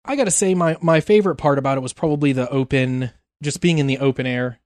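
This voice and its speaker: A man guesting on a podcast, telling lively stories in casual chat. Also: medium pitch, fast talker, no room sound, clean studio sound. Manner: animated storyteller.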